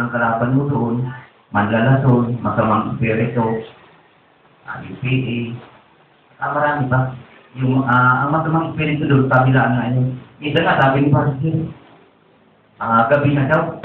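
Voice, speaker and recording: A medium-pitched male voice from the Philippines rambles through a personal testimony while preaching a sermon in church. The sound is tinny, echoey and distant, with a little hiss or hum.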